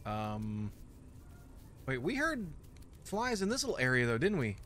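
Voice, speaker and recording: Excitable young man narrating his gameplay. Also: mid-range voice, a little slow, slight background noise. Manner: excitable, jokey, exclaims often. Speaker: gaming channel host. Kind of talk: let's play commentary.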